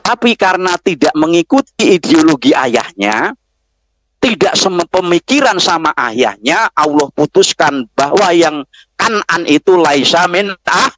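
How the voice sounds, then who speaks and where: A man's voice: fairly high pitch, a bit bright, no echo, highs cut off. A man preaching a sermon to students, telling a story and firing rhetorical questions at the crowd. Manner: keeps asking the audience rhetorical questions. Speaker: preacher addressing Islamic boarding school students.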